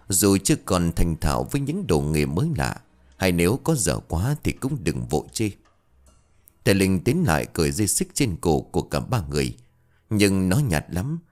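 A man narrating a ghost story with an expressive, dramatic reading. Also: low-pitched.

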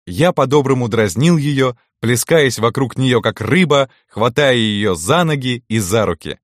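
A man reading a first-person romance story aloud in a calm, intimate storytelling manner. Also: medium pitch, a little slow, no echo, studio quality. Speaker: audiobook narrator.

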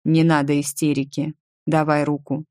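A woman's voice: low voice, flat delivery, moderate pace, darkish tone, no room sound, studio quality, close to an everyday voice. A woman reading an audiobook, voicing a cold, proud young nobleman who speaks in a sneering drawl. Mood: mocking. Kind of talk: audiobook narration.

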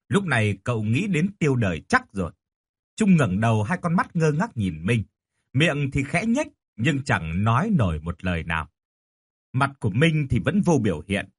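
A man reading a horror audiobook with an expressive, dramatic delivery. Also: medium pitch, breathy edge. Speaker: narrator.

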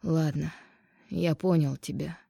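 A woman's voice: sits low, flat delivery, moderate pace, creaky, warm tone, dry recording, clean studio sound. A woman doing a guilty, pleading ex-husband. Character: remorseful ex-husband, middle-aged man, guilty and placating. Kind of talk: audiobook reading.

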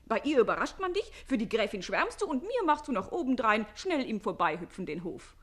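An actress playing a quick-witted young chambermaid and bride in a classic radio play, with a pert, scolding, teasing manner. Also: female voice, mid-range voice, animated, lightly acted.

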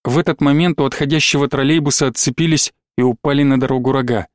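A man narrating an audiobook story in a measured storytelling manner. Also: mid-range voice, steady tone, no echo, clean studio sound. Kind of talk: scripted narration.

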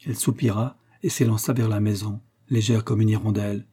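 A man narrating a classic novella in a measured, even storytelling manner. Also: on the low side, husky. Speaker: audiobook reader.

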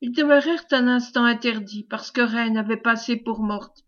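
A woman reading a classic novel aloud as an audiobook, measured storytelling. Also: fairly high pitch. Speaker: audiobook reader. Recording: dull lo-fi recording.

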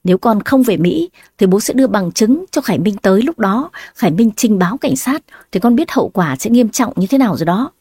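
A woman's voice: mid-range voice, lively intonation, a little fast, mellow, breathy edge, no room sound, clean studio sound. A woman voicing a stern, firm older father.

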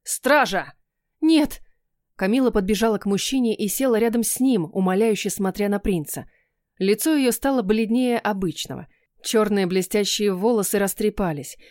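A woman's voice: mid-range voice, a little fast, no echo, studio quality. Woman reading an audiobook. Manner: expressive first-person storytelling. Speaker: narrator. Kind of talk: audiobook narration.

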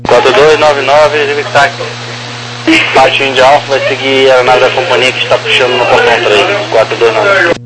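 A man's voice: medium pitch, moderate pace. A man with a mid-range voice gives ground control instructions in terse phraseology. The radio transmission is thick with noise and hum. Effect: aviation radio transmission. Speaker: ground air traffic controller. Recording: very noisy, humming radio.

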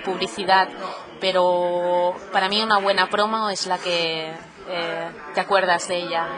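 A middle-aged woman from Catalonia, answering interview questions casually, with many pauses and fillers. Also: fairly low pitch. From Catalonia, Spain. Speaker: podcaster, guest.

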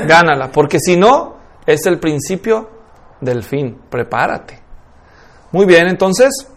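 High-voiced man teaching a church class. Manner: lively, rhetorical questions to audience.

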